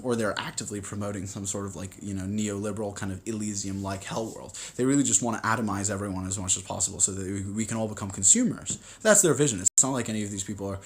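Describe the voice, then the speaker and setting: A man talks into a phone as he hosts a casual livestream, rambling from point to point and reading viewer comments aloud. He is full of fillers and restarts, and his voice sits on the low side. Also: creaky. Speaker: livestream host.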